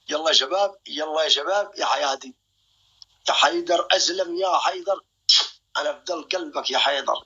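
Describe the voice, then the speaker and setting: Young guy on a live stream, high and bright, a bit husky, boasting and hyping viewers, dull lo-fi sound. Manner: playful, boastful, repetitive calling out to viewers.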